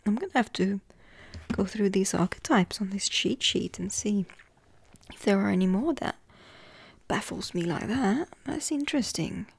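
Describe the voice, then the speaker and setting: A woman hosting a tarot deck flip-through at home, talking softly in a half-whisper and gushing over the cute cards. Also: mid-range voice, expressive, moderate pace, vocal fry, slightly rough, no room sound. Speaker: tarot channel host.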